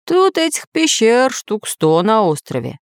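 A woman voicing a sensible male professor in a children's story, speaking lower and measured. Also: wildly swooping pitch, no room sound, clean studio sound, heavily acted. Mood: calm. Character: sensible older male professor, calm and thoughtful.

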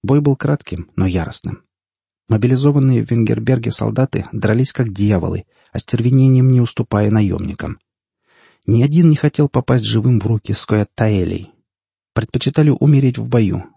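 A man reading fantasy audiobook narration in a measured, steady way. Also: medium pitch, gravelly, husky, no room sound. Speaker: audiobook reader.

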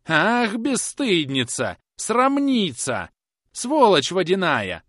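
A man reading an audiobook aloud, voicing a vindictive, croaking old woman housekeeper who screeches her spite. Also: a little high, very animated, fairly quick, a bit bright, dry recording, clean studio sound, voice pushed up. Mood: screeching. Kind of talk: audiobook character voice.

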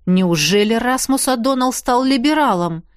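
Woman reading a wry, guarded husband; low and grumbling, dry close sound. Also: animated, moderate pace, clear, resonant tone, no echo, close to an everyday voice.

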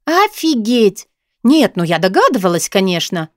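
A woman voicing a blunt, excitable young female student who bursts out loudly and mocks. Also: mid-range voice, normal speed, dry recording, clean studio sound, close to an everyday voice. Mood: indignant. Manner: loud, indignant, mocking outbursts.

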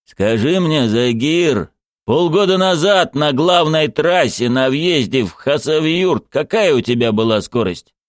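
A man voicing a grieving male coach who shouts threats through tears in an audiobook. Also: a little high, animated, measured pace, no echo, studio quality, pitched above the performer's own voice. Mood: pressing.

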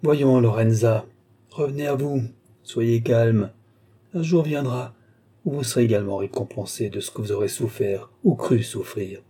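A cold, controlling enchanter, as a male audiobook reader plays him, speaking with measured, ironic menace. His voice is husky and dark, with a mellow warmth under the threat. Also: medium pitch, lightly acted. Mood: soothing. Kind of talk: audiobook character reading.

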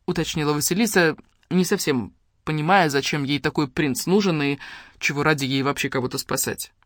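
An audiobook reader giving even, scripted story narration. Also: mid-range voice, a little fast, no echo, studio quality.

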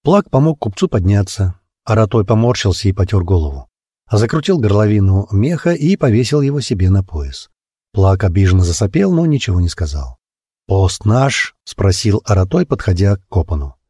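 A man narrating an audiobook with an expressive, varied delivery. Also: fairly low pitch, a little fast, slightly rough, no room sound, studio quality.

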